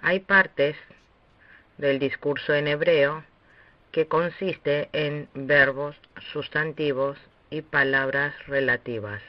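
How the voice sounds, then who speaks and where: A man teaching a recorded lesson on Hebrew pronunciation, speaking slowly and deliberately with long pauses. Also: a little high, steady tone, no echo. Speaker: Bible language teacher. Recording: dull, dry lo-fi recording.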